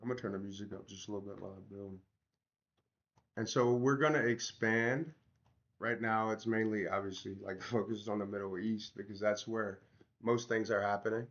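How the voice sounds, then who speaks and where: A man with a fairly low voice talks to his stream in loose, slangy chat. His throat is sore from swollen tonsils and his voice has not fully returned. The audio is a little dull and lo-fi, as he informally walks viewers through his work. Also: steady tone, normal speed, fairly bright tone. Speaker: livestream host building an app. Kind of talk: casual livestream chat while working.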